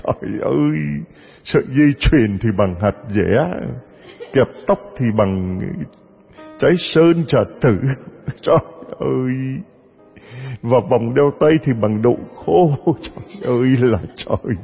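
A man voicing a grieving old nurse who laments tearfully, with soft music behind and a long echo. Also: medium pitch, gravelly. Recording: dull audio with long reverb.

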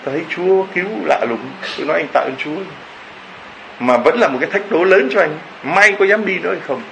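A man's voice: on the high side, a little fast, creaky, sharp tone, a little hiss or hum, rough recording. A man preaching a homily, telling a story and firing off rhetorical questions to the congregation.

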